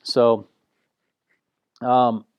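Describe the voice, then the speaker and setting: A man teaching a recorded online course in a slow, low-key, unanimated way, often restarting his sentences. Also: little pitch movement, a little mellow, clean tone, dry recording. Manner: frequent restarts and filler words.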